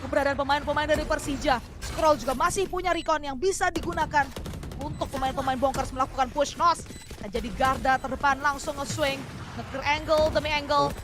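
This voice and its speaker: A woman's voice: high voice, fairly quick, noisy background. A woman with an Indonesian accent giving play-by-play esports commentary, mixing English gaming terms into her calls.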